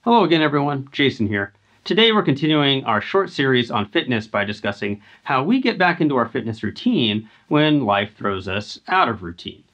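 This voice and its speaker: A man's voice: mid-range voice, moderate pace, lo-fi sound. Earnest man explaining fitness to camera. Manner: earnest, steady and instructive. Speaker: host. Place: indoor home climbing wall.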